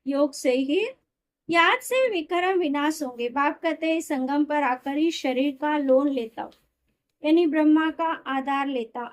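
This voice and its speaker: High-voiced woman reading a spiritual discourse. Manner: steady, explanatory reading with small self-corrections. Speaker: reader of a daily spiritual discourse.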